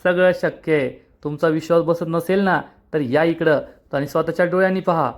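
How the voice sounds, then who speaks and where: A man voicing an angry, quarrelsome aunt who scolds and threatens in quick retorts. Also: fairly high pitch, fairly even intonation, natural voice. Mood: angry, scolding. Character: quarrelsome aunt, woman, angry and sharp-tongued.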